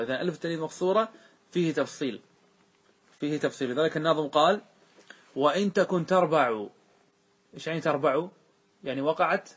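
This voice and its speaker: Husky male grammar teacher. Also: a little high. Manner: patient, repeats examples and checks understanding with short questions. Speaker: teacher explaining Arabic grammar. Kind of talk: classroom lesson on a grammar poem.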